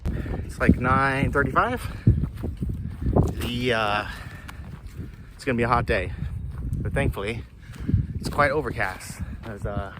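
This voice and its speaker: A man's voice: medium pitch, slow pace, pauses often, very noisy. A man filming himself on a mountain trail, chatting casually as he walks, with a loose, rambling way of talking full of fillers. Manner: easygoing, rambling, many "like" and "uh" fillers. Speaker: hiker filming a trail vlog. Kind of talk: casual walking narration. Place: outdoors on a wooded mountain trail.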